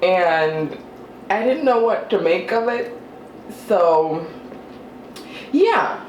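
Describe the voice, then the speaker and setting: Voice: medium pitch, slow, a little mellow, dull audio. A vlogger chatting casually while eating on camera, with chewing sounds and a chatty, self-deprecating manner. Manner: eats while talking, with chewing and mm-hmm sounds. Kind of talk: casual eating vlog chat. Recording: roomy with faint ambient noise.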